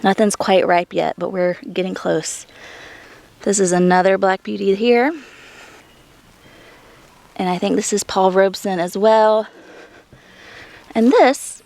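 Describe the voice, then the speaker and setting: A woman in her thirties walks through her vegetable garden outdoors, chatting eagerly as she points things out. Her voice has a gravelly, creaky edge and sits at a middle pitch. She is a little out of breath from the heat. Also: steady tone, slow pace, pauses often, darkish tone. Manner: chatty, enthusiastic, thinking aloud. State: hot and breathing heavily. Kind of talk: casual garden tour vlog.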